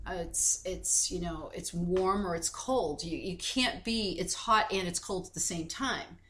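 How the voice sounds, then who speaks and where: A woman's voice: fairly low pitch, a little slow, fairly bright tone. A woman co-hosting a podcast, talking earnestly in casual conversation and retelling a story with many restarts. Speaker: podcast co-host.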